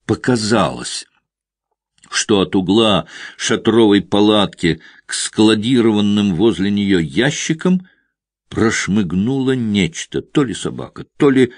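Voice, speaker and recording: A man reading a thriller audiobook aloud in a measured, tense narrating style. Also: on the low side, expressive, no room sound, clean studio sound. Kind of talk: dramatic scripted narration.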